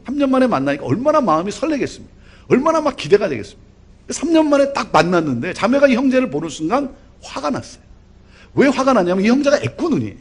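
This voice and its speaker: A middle-aged pastor delivering a sermon with a very high, husky voice. His pitch leaps up and down dramatically, and he drives his points home with animated emphasis. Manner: animated preaching with lively swings of pitch and loudness.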